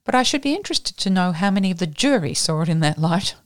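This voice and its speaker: A woman's voice: on the low side, expressive, fast talker, no room sound, studio quality, lightly acted. An Australian woman voicing a pompous, formal male barrister who speaks in an emphatic way.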